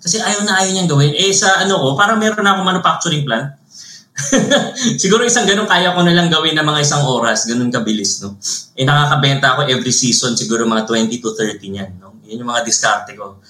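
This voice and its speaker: A man with a Filipino accent, a podcast guest who tells lively stories and keeps tagging his phrases with a questioning "no?". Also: mid-range voice, fast. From Philippines. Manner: animated storyteller, mixes Tagalog and English, tags phrases with "no?". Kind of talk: casual interview storytelling. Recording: roomy echo.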